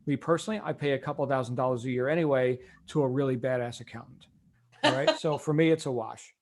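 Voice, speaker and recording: A man's voice: medium pitch, animated, fast, gravelly, a little hiss or hum. A man hosting a casual group coaching call.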